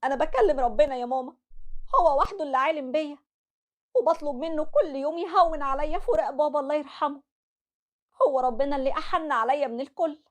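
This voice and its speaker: A woman's voice: high voice, fast talker, pitched above the performer's own voice, lightly acted. Give me a woman playing a distraught young Egyptian wife speaking tearfully in an audio story. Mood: grieving. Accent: Egyptian Arabic. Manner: pleading, tearful. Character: grieving young wife and mother, forgetful and fragile.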